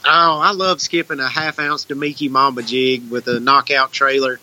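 A man's voice: medium pitch, steady tone, normal speed, pushed and bright, low-quality recording. A man chatting casually about fishing as an interview guest. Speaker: guest, tournament bass angler.

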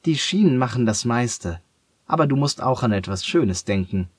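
A man with a husky voice voicing a cheerful, kind young girl who wears leg braces, in a storybook reading. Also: medium pitch, animated, moderate pace, no echo, clean studio sound, pitched above the performer's own voice. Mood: encouraging. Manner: bright, coaxing storybook girl voice.

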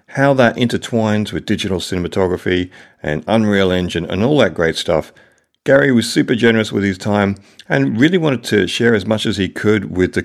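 A man hosting a podcast, introducing his guest and asking friendly, halting questions. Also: lowish voice, gravelly. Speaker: podcast host. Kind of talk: podcast interview.

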